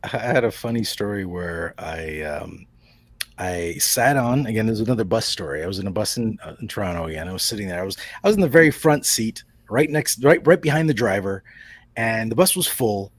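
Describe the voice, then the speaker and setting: A man's voice: fairly low pitch, lively intonation, a little fast, dry recording. A man being interviewed as a comic book creator, chatting casually and telling rambling stories. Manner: rambling storyteller with restarts and laughs.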